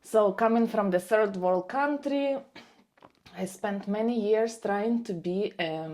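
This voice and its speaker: Ukrainian-accented woman, reflective and halting. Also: mid-range voice, darkish tone. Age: 40s. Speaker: podcast guest. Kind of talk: conversational personal storytelling.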